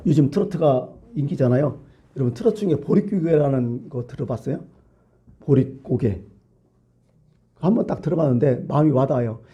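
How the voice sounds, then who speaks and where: A male pastor preaching a sermon, asking rhetorical questions and swinging between loud emphasis and hushed, near-whispered lines. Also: medium pitch, lively intonation, moderate pace, highs cut off. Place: church.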